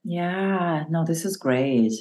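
A woman hosts a casual business podcast interview in a fairly low voice. She chats and encourages her guest, leaning on plenty of fillers as she talks. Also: animated, slow, a little mellow. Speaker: podcast host.

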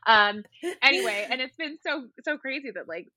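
Bright, chatty woman from Hawaii. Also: high voice, expressive, normal speed, dry recording. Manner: chatty, peppered with "like", casual swearing. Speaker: podcast guest, wedding photographer. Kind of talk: casual interview chat. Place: home apartment. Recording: dry, slightly dull lo-fi sound.

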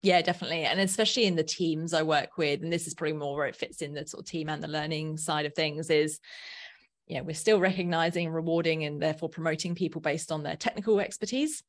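A woman with a distinctly low-pitched voice speaks in a conversational podcast style. She is informal and thinks aloud. Her sentences often get rephrased as she works through an explanation. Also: fast talker.

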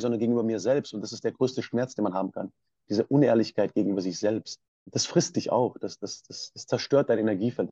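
A man from Swabia tells his own story as a podcast guest, quickly and with passion. His voice is dark and a little husky. The recording is dull and dry, with no room sound. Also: medium pitch, no echo. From Swabia, Germany. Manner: passionate, emphatic. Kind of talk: personal storytelling.

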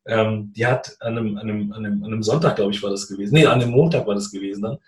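A man in a casual conversation, telling a personal story in a lively way and acting out what people said. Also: lowish voice, racing, roomy sound. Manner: animated, acts out quoted dialogue. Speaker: guest telling his story.

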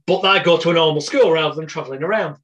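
A man's voice: a little high, racing, a bit bright, dull audio. A British man in his forties, a podcast guest telling life stories in a rambling, wry, anecdotal way. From Britain. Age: 40s. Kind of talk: casual storytelling interview.

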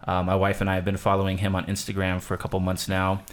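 Low-voiced man hosting a casual podcast. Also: completely flat delivery, quick pace. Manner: loose, rambling, with many ums. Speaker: podcast host. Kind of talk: casual chat. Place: cabin.

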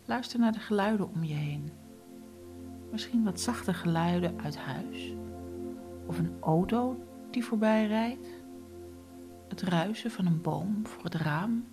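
Slow soft-spoken woman guide. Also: medium pitch, faint music behind. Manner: slow, soft, often whispered instructions. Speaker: meditation guide. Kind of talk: guided relaxation meditation.

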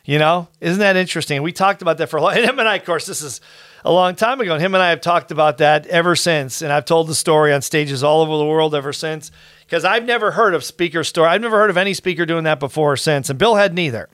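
A man's voice: fairly high pitch, fast, no echo, clean studio sound. Earnest man telling a story. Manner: earnest, animated, with frequent restarts. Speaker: podcast host. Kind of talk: casual storytelling.

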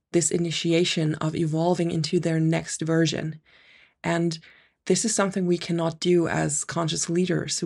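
A woman with a fairly low, slightly nasal voice that sounds a little congested and often drops into creak. She talks as a solo podcast host and coach, earnest and emphatic in her motivational points, while keeping a very even melody. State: congested from an ear infection.

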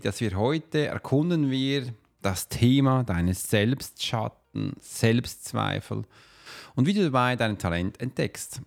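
A man's voice: medium pitch, vocal fry. A man hosting a solo podcast, talking casually and encouragingly straight to the listener as a coach. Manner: informal, chatty and encouraging, addressing one listener familiarly.

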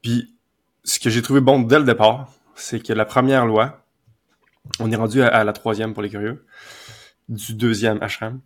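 A man's voice: mid-range voice, flat delivery, moderate pace, long pauses. A man with a Québécois accent hosting a podcast, encouraging and affirming his guests in casual discussion. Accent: Québécois French. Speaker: podcast host, moderating.

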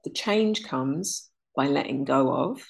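An energy alignment teacher in her 30s, interviewed as a guest, talks reflectively, earnestly, and unhurriedly, reeling off things in runs. Her voice is a rumbling low, animated, gravelly, and husky.

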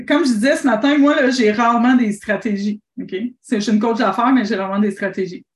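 A Québécoise woman coaches entrepreneurs in a bright, fairly high voice, talking animatedly and restarting her sentences. Her voice rings a little in a roomy space. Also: fast. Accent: Québécois French. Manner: animated, rambling, with many restarts. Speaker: business coach and host. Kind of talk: casual call-in coaching talk.

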